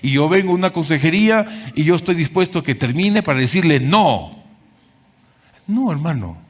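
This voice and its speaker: A man preaching a sermon as pastor, emphatic and deliberate, repeating key phrases and addressing the congregation directly. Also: fairly high pitch. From Peru. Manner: deliberate delivery with climbing emphasis in lists.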